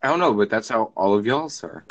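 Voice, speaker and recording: A man's voice: fairly low pitch, lively intonation, fairly quick, a bit bright, low-quality recording. A young man chatting casually on a friends' call podcast, teasing and crude, often talking over the others. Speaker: podcast co-host. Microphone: home mic on a call.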